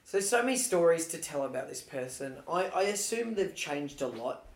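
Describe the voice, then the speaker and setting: A man's voice: fairly high pitch, expressive, normal speed. A man podcast host rambling through stories in casual, sweary frat-bro banter. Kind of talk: casual chat, storytelling. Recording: echoey room.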